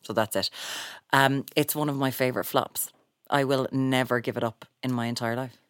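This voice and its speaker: A woman with a Cork Irish accent, an animated, emphatic guest in casual podcast chat. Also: extremely low pitch, moderate pace, clear, resonant tone, no echo, clean studio sound. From Ireland (Cork).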